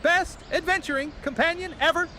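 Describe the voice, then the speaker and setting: A man's voice: very high voice, fairly quick, bright, forceful tone, slight background noise, full character voice. A man voicing a cheerful, reckless young alchemist in a fantasy comedy, eager and full of optimism. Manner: eager, enthusiastic. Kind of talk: scripted fantasy comedy dialogue.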